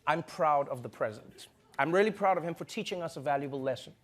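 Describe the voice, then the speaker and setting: A man hosting a comedy show, delivering a joking, animated monologue. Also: a little high, quick pace. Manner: joking, animated, breaks into impressions. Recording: studio audience laughter and noise.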